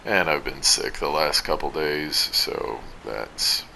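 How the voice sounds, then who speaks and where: A man's voice: a bass voice, slow pace, gravelly, sharp tone, slight background noise. A tired, sleepy man giving rambling, self-deprecating commentary over his own gameplay recording. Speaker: gaming video commentator.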